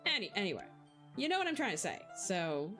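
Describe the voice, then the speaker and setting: A woman voicing a shy, soft-spoken teenage girl who talks hesitantly and bashfully while reading a visual novel aloud. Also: mid-range voice, sing-song, brisk, soft background music, voice pushed down.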